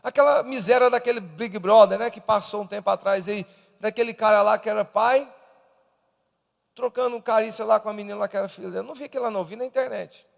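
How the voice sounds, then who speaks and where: A Brazilian man preaches a Sunday school lesson as an evangelist, his voice strikingly high and gravelly. He calls out to the congregation and climbs into loud emphatic peaks. The sound trails off in the long reverb of a church hall. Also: quick pace. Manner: swells into loud emphatic preaching, repeatedly addressing "irmão". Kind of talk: Pentecostal Sunday school sermon.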